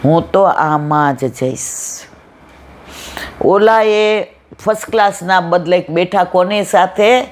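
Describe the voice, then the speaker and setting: Slow-spoken woman telling devotional stories. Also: on the low side. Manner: reminiscing, quotes people in little voices. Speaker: satsang speaker. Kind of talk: devotional storytelling talk.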